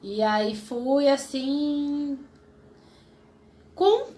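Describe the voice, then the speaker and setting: Animated Brazilian woman telling her testimony. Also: high voice, very slow, a little hiss or hum. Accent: Brazilian Portuguese. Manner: lively, acts out quoted voices, laughs often. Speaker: interview guest sharing a testimony. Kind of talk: emotional personal storytelling.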